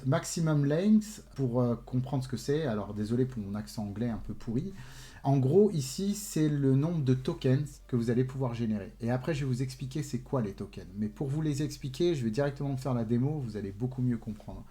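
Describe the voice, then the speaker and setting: A man's voice: medium pitch, a little fast, warm tone. A man hosting a screen-share tech tutorial, explaining step by step, addressing viewers directly with frequent fillers. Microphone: desk mic with webcam.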